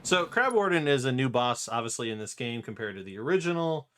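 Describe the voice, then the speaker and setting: With video game music playing behind him, a man gives jokey, informal live-stream commentary on his own speedrun as he plays. His mid-range voice is very animated, brisk and a bit bright, with a slight hiss or hum in the recording.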